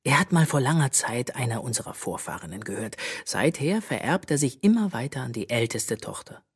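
A woman voicing a caring, weary mother in a children's storybook, talking softly with a sighing manner. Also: extremely low pitch, lively intonation, fairly quick, slightly rough, exaggerated voice. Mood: gentle, weary. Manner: soft, sighing.

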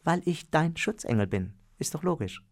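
A man voicing a calm, matter-of-fact ghost boy in an audiobook. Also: on the high side, moderate pace, pitched above the performer's own voice. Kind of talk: audiobook character voice.

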